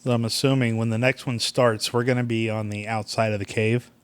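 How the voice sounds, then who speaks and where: A man's voice: medium pitch, little pitch movement, a little fast, slight background noise. A man chatting casually and offhandedly as a player in a tabletop game, throwing in jokes. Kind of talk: casual podcast chat.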